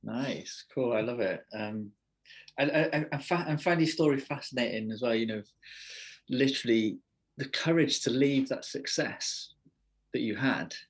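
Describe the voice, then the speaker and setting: A man's voice: mid-range voice, normal speed, slightly rough. A man hosting a podcast interview, casual and easygoing, with frequent hesitations. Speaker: podcast host.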